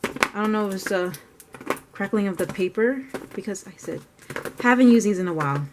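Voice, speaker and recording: A woman's voice: mid-range voice, animated, normal speed, noisy background. A woman vlogging as she paints, chatting casually and thinking aloud in a rambling way. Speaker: art vlogger. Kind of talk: casual narration while painting.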